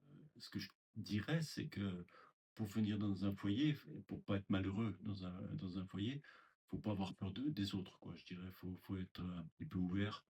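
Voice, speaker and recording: An older man talks in a very low, gravelly voice with a husky, rough edge. He recalls things slowly and hesitantly, stopping and restarting his sentences in a reflective interview. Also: darkish tone. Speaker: former resident interviewee. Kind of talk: recorded testimony interview.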